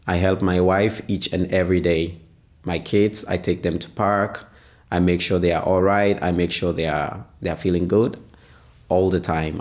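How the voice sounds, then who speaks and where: Deep-voiced man, hesitant. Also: darkish tone. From Ghana. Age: 20s. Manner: hesitant, pauses often with "uh". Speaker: interviewee, father of two. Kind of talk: interview answers.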